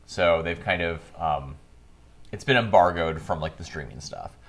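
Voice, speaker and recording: Chatty low-voiced man co-hosting a podcast. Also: moderate pace. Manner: animated, chatty storyteller who laughs often. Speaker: podcast co-host. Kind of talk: casual chat.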